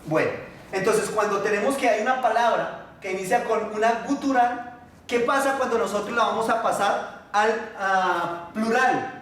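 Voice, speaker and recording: A man teaching a Biblical Hebrew class, patiently asking his students questions and pausing on fillers. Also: sits high, a bit bright, far from the mic, slight background noise. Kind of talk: classroom lesson. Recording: echoey room, voice from afar.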